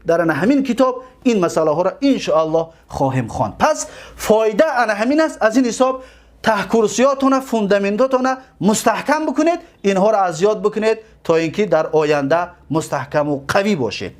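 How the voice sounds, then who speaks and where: A man with a Tajik accent and a high voice teaches a grammar class with lively intonation. He explains slowly, repeats words, and keeps asking his students questions.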